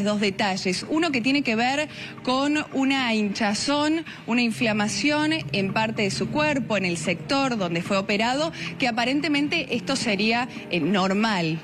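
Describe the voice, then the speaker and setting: A young woman with an Argentine Córdoba accent giving a live news report. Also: on the high side. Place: outside a hospital entrance at night. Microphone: handheld microphone. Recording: noisy live outdoor report.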